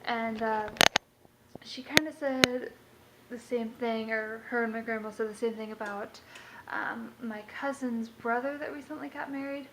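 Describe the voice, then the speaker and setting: A young woman rambles chattily through a vlog monologue from her home kitchen, using many fillers. Her voice is on the high side, steady, and a little slow, and the home recording is noisy.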